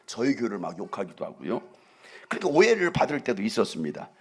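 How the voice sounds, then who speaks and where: A middle-aged man, a pastor, preaching a passionate sermon that swings from hushed storytelling to shouting climaxes. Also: on the low side, huge pitch swings, quick pace, breathy edge.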